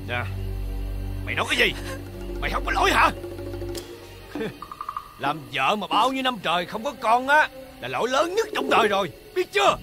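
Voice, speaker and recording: An actor playing an arrogant, abusive eldest son in a TV drama, with a Southern Vietnamese accent and a harsh, bullying manner. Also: male voice, very high voice, sing-song, normal speed, long pauses. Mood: furious. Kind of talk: TV drama acting. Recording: music playing behind.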